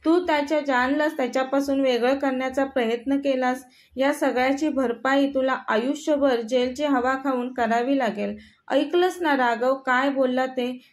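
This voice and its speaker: A woman's voice: sits high, fairly even intonation, moderate pace, close to an everyday voice. A woman voicing a young man, a blunt friend who scolds a woman for what she did. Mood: scolding.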